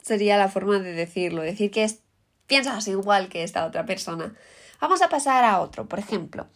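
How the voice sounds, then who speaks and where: A woman's voice: mid-range voice, lively intonation, fairly quick. Upbeat Spanish woman teaching English. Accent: Peninsular Spanish. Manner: upbeat, explanatory, drops in English example words. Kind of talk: language lesson.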